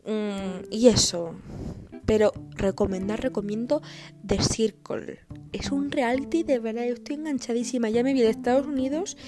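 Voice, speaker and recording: A woman's voice: a little high, moderate pace. A woman from Spain with an Andalusian accent, rambling and swearing freely through an improvised solo podcast rant. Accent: Andalusian Spanish. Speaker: podcast host. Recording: guitar music playing behind the voice. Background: guitar music.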